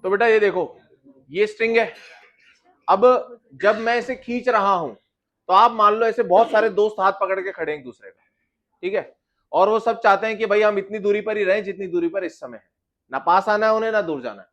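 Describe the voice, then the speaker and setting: A man's voice: high voice, fairly quick, fairly bright tone. A male physics teacher giving a classroom lecture, often asking his students questions and calling them "beta".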